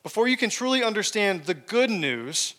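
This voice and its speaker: A man's voice: sits high, big pitch swings, normal speed, a bit bright. A man preaching a sermon, telling a personal story with joking asides to his congregation. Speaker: pastor. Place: church hall with congregation. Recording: long hall reverb.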